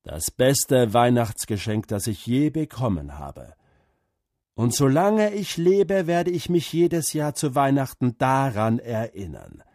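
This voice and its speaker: A man voicing a loving farmer father who speaks warmly and with emotion, in a husky voice. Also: mid-range voice, very animated, slow, no room sound, clean studio sound. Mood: moved.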